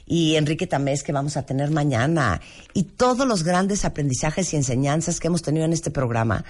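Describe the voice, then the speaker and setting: A male Mexican radio host with a slightly high voice speaks emphatically in the studio, piling up long lists and urging listeners like a preacher. His casual talk keeps a moralizing edge. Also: animated, a little fast. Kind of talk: casual opinion talk on air.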